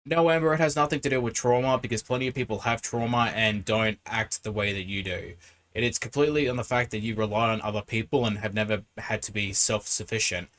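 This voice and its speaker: A man's voice: lowish voice, fairly even intonation, fast talker, fairly bright tone. A man hosting a reaction video, giving casual commentary in a critical, explanatory way.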